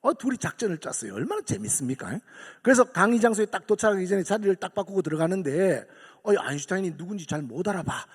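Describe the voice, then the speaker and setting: Lively high-voiced Gyeongsang pastor preaching. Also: male voice. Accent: Gyeongsang Korean. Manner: animated storytelling building to emphatic exhortation. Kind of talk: sermon. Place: church sanctuary. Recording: long hall reverb of a church.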